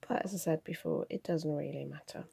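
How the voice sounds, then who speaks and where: Woman, croaky from a cold, very gravelly, dark mellow tone, chatty crafting tutorial, thinks aloud. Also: sits low, a little fast, no echo. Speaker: card-making channel host. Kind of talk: crafting tutorial, talking through the steps.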